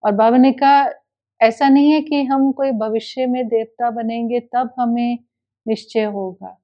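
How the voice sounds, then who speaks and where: A woman's voice: on the high side, steady tone. A woman spiritual teacher giving a daily spiritual discourse, explaining patiently and returning again and again to what her teacher said. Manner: unhurried, explaining with repeated reported teachings. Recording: dull lo-fi recording.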